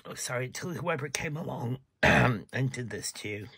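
A man's voice: mid-range voice, animated, moderate pace, creaky, bright, forceful tone, breathy edge, dry recording. A man giving a casual tarot reading, chatty, sometimes dropping to a whisper and apologizing for yawning. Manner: chatty, breaks off to yawn and apologize. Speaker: tarot reader.

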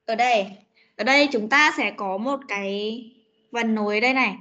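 A woman's voice: fairly high pitch, normal speed, bright, forceful tone. A woman teacher with a Vietnamese accent, patiently coaxing young pupils in an online English class over a video call. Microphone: computer mic on a video call. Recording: dull lo-fi video call audio.

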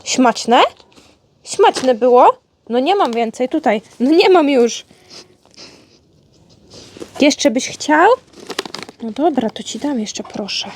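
Indoors with her dog, this woman, a vlogger and dog owner, coaxes him sweetly while unwrapping his birthday gifts. She speaks slowly in a high-pitched, expressive voice, with long pauses and a faint hiss or hum underneath.

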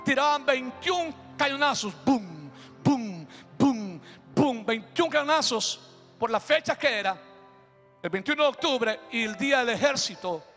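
Male pastor, animated sermon storyteller; long church-hall echo with faint music underneath. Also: very high-pitched, moderate pace. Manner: animated preaching with shouted bursts and sound effects.

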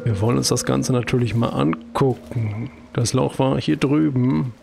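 A man's voice: mid-range voice, steady tone, moderate pace, vocal fry, mellow, soft background music. A man with a German accent giving casual commentary as he plays a video game, chatty and talking to himself with jokey exclamations. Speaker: let's play host.

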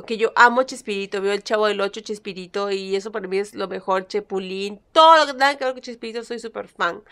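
Peruvian girl vlogging, bit high voice, smooth and clear, sweet but teasing with the haters. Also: a bit bright. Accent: Peruvian Spanish with some Mexican touches. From Peru. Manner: chatty, playful, answering critics with mock sweetness. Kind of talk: casual chat to camera.

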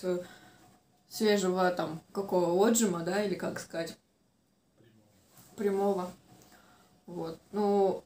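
A woman's voice: lowish voice, darkish tone. A woman in her twenties chatting casually and a little hesitantly, chewing while talking as she eats. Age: 20s. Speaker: mukbang vlogger. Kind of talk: casual chat while eating. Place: small room indoors. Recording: roomy indoor echo.

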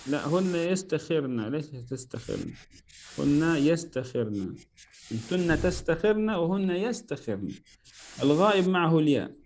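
In an online lesson, a man with a voice on the high side corrects homework while teaching Arabic verb conjugation. He patiently drills the forms one at a time, correcting both himself and his student out loud. There's a faint hiss or hum in the recording.

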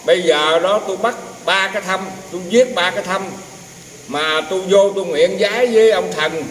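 An older man with a high voice and fairly bright tone speaks at normal speed as a temple herbal healer telling rambling, casual folk stories and performing others' dialogue. The sound is distant and echoey, in a roomy space with faint noise.

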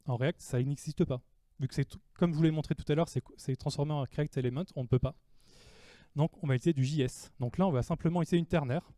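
A man's voice: fairly high pitch, fast talker, warm tone, dry recording. A man giving a technical talk at a developer meetup, explaining code step by step and answering his own questions. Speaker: conference speaker. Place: meetup room before an audience.

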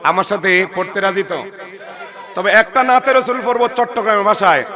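A male preacher with a Chittagonian accent delivers a sermon, his voice high and ringing. He keeps calling on the gathering to answer back and slips into drawn-out chanted lines. A big crowd murmurs around him at a live event. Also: bright, forceful tone. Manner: calls on the crowd to respond, breaks into slow chanting. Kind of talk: Islamic sermon with chanted devotional verses.

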